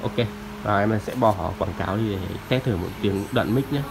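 A man working as an audio shop salesman gives a product demo politely and deferentially, hesitating often. His voice is on the low side at a moderate pace, with a noisy background and music clearly playing behind him.

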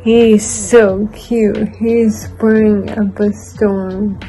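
A woman vlogging casually to camera, talking in halting, rambling bits with many restarts. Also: mid-range voice, little pitch movement, warm tone, faint music behind, poor audio. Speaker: vlogger documenting her recovery.

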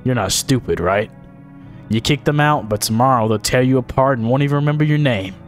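A man voicing a gruff old wandering drifter from a game, talking in a conspiratorial way. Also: mid-range voice, brisk, faint music behind, close to an everyday voice.

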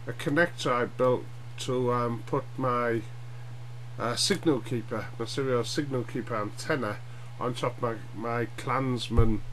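A middle-aged hobbyist radio demonstrator explains things in an informal vlog from a small, cluttered room at home. His mid-range voice has a fairly bright tone, and he speaks haltingly, dropping tag questions like "yeah?" and "eh?". The webcam sits at arm's length, so the audio is noisy and full of hum.

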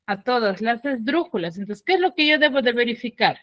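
A woman's voice: a little high, lively intonation, fairly quick, fairly bright tone, no echo. A woman teaching an online class on a video call, drilling students with repeated questions.

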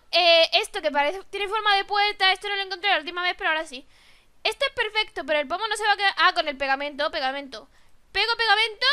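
A woman with a Spain Spanish accent gives let's-play commentary on a game. Her voice is very high and bright. She is animated, reacting loudly and joking at the screen. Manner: animated, exclaims and jokes at the screen. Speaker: gaming YouTuber.

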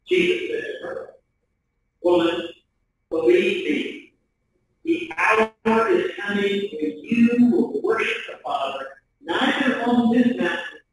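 A middle-aged man, a priest, reading the gospel and preaching in a measured, deliberate way from a lectern in a church sanctuary. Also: very high-pitched, a little hiss or hum. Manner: measured, deliberate delivery from a pulpit. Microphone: stand mic, camera from across the room. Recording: echoey church from far off.

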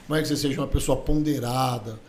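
A man's voice: mid-range voice, fairly even intonation, fast talker, a little mellow. A man with a Brazilian accent hosting a casual podcast, talking emphatically and with a preachy edge. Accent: Brazilian Portuguese. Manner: emphatic, opinionated, sermon-like asides. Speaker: podcast host. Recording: echoey room with faint background hum.

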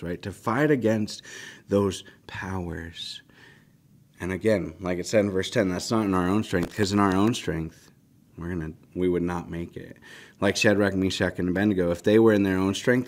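A man in his thirties giving an earnest devotional Bible teaching at a desk mic in a small studio, often checking in with "right?". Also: low-pitched. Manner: earnest, emphatic, frequent "right?" asides. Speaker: pastor. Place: small church studio, indoors. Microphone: desk mic on a stand.

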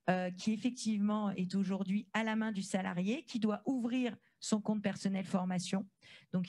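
A woman's voice: mid-range voice, a little mellow, no room sound. A woman speaking through a face mask into a handheld microphone, giving an informal explanatory presentation with some hesitant rephrasing. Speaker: presenter at a conference. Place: conference room with a small panel on stage. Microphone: handheld microphone held close to the mask.

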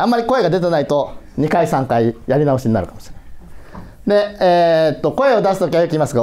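Middle-aged male workshop leader, playful and coaxing, pitch ranging widely. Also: darkish tone. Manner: playful, coaxing, laughs often. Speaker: workshop instructor. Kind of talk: children's workshop instruction. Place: museum hall, indoors.

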